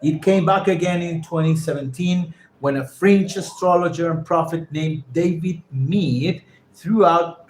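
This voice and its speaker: A man whose first language is Spanish reads an English text aloud for a lesson, stopping to define words and repeat their pronunciations. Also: on the high side. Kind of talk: reading a text aloud and explaining vocabulary. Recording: echoey room with faint ambient noise.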